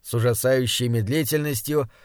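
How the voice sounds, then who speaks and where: A man reading a fantasy audiobook in a steady, dramatic narration on a close studio mic. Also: medium pitch, normal speed, clear, resonant tone, no room sound. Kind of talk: scripted narration.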